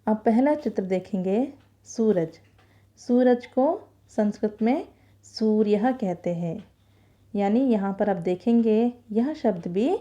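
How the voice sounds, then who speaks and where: A woman's voice: medium pitch, dark tone, dull audio. A woman teacher explaining a lesson patiently, repeating key words and slipping in English terms.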